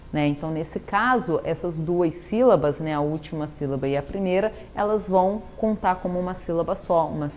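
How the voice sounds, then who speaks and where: In a recorded classroom lesson, a woman with a Brazilian Portuguese accent teaches literature in a lowish, darkish voice over slight background noise. She explains things step by step, asking rhetorical questions and often tagging on "né?".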